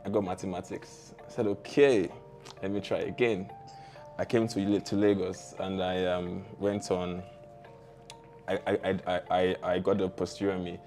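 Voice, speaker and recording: A man's voice: deep voice, a little mellow. A young Nigerian man with a Nigerian accent, a startup founder relaxedly telling his life story in an interview, with slangy asides and easy laughs.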